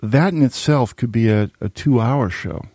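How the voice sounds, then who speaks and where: A man in his sixties hosts a radio talk show, posing long, rambling questions riddled with restarts in this radio interview. His medium-pitched, mellow voice moves at a normal speed and is captured on a studio microphone in a radio studio, with studio quality and no echo.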